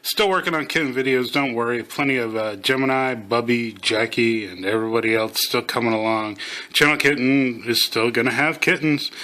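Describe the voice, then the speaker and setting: Middle-aged man, bright voice, numb half-mouth slur. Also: mid-range voice, moderate pace, poor audio. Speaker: toy reviewer. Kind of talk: casual hands-on video review, unscripted.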